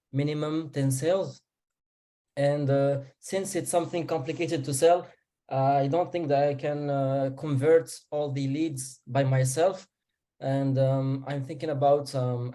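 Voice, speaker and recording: A man from Morocco asking a hesitant question on a video call, with many pauses and fillers. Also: on the high side, warm tone. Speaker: caller.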